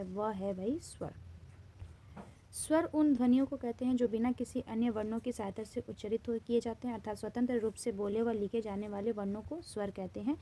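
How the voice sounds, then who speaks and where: A woman's voice: on the high side, warm tone, a little hiss or hum. Woman teacher quizzing and answering herself. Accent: Indian. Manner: asks a question then answers it herself, repeats key terms. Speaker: Hindi grammar teacher. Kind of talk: classroom lesson, asking and answering quiz questions.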